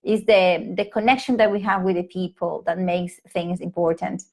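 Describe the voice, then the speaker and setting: Her voice sits on the low side with a darkish tone, little pitch movement, and normal speed. A woman in her thirties from Peru, she has a Peruvian Spanish accent and talks casually to English teachers on a home live stream, with many fillers and restarts, through a laptop or phone mic.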